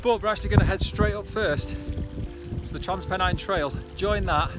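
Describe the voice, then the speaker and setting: A man with a fairly high voice chats to camera while out jogging. His delivery is casual and broken into short phrases, as an outdoor vlogger's is. Loud music plays along with him. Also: moderate pace. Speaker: trail running vlogger. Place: outdoors on an upland trail.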